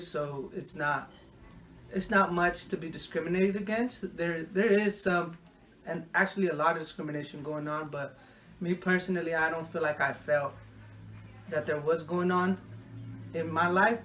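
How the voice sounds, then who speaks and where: Young man giving halting interview answers. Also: on the high side, fairly bright tone. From Mexico. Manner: halting, repeats words while thinking.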